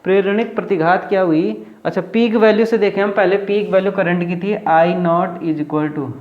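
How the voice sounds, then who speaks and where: A man's voice: sits high, steady tone, moderate pace. A man teaching a physics lesson at a board, asking questions and answering them himself, repeating key terms. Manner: repetitive, asks and answers own questions. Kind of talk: whiteboard lecture. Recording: roomy, dull lo-fi classroom recording.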